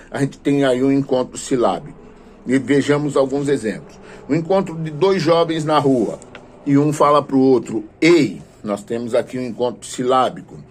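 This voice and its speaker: A man teaching a grammar lesson for a theology course, pausing often with filler sounds before explaining steadily, with prayerful asides. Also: mid-range voice, a little hiss or hum. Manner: hesitant, many filler sounds and restarts, then steady explaining.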